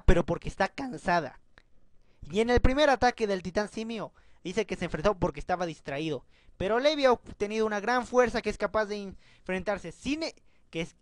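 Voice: mid-range voice, dry recording. An anime commentator who rambles and thinks aloud, firing off one rhetorical question after another in casual video commentary.

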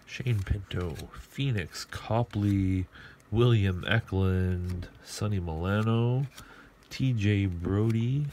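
A middle-aged man casually murmuring player names as he opens hockey card packs at a table, clearing his throat often. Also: lowish voice, slow, darkish tone, slight background noise. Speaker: card collector opening packs. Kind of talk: casual pack-opening commentary. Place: indoor table at home.

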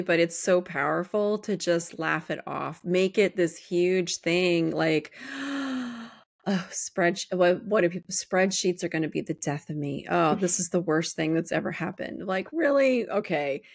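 Bubbly and playful, this podcast host keeps her interview casual and breaks into quick bursts of enthusiasm. Her fairly low voice is gravelly, captured in a dry, clean studio recording.

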